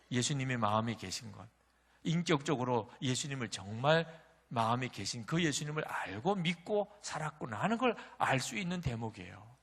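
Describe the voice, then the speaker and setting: A man's voice: mid-range voice, creaky, a bit bright. A man preaching a sermon as pastor, impassioned and rising in intensity as he acts out prayers and questions. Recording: long hall reverb.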